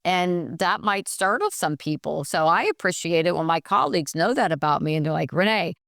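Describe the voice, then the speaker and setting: A woman's voice: fairly low pitch, fairly quick, creaky, no echo, studio quality. Passionate woman giving workplace advice. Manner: passionate, animated, acts out quoted dialogue. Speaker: guest expert on workplace bullying. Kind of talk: podcast conversation, advice-giving.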